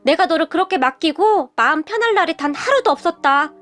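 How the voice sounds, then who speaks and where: A woman's voice: very high-pitched, lively intonation, brisk, a bit bright. Woman doing a pleading, remorseful birth mother. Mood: slow, wheedling. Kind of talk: radio story reading.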